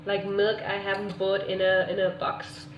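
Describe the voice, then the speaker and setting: A woman's voice: mid-range voice, completely flat delivery, moderate pace, muffled recording. Woman who learned english after german, rambling vlog chat at home, echoey room, bit of hiss. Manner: chatty, rambling, self-interrupting. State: sick. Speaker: vlogger. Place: her own room at home. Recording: echoey room, faint ambient noise.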